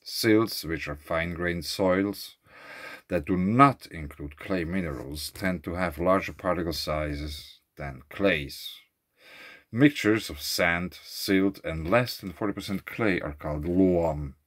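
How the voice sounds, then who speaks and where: A man with a very low voice talks through a casual vlog recorded outdoors by a lake. He reads out facts, then drifts into rambling asides, thinking aloud as he goes and trailing off. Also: slow pace, a bit bright. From Switzerland. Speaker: vlogger. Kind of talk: casual musing monologue. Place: outdoors at a lakeside beach.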